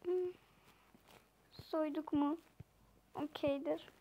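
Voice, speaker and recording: Slow-talking high-voiced young woman gamer. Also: steady tone, dark tone. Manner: playful, giggly, chatty with viewers. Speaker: gaming channel host. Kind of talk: casual gameplay commentary.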